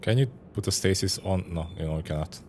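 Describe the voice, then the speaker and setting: A man's voice: low voice, quick pace, noisy background. A man streaming a video game, making wry, joking comments as he plays. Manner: joking, wry asides with laughs. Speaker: gaming streamer. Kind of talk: casual let's-play commentary. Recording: game music playing underneath.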